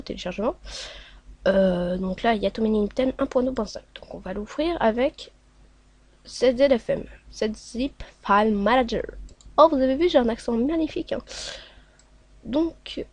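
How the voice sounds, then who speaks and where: Hesitant woman with a slightly high voice. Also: darkish tone, no room sound. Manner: hesitant, many filler sounds, talks along while clicking. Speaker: tutorial host. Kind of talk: casual screen-recorded tutorial.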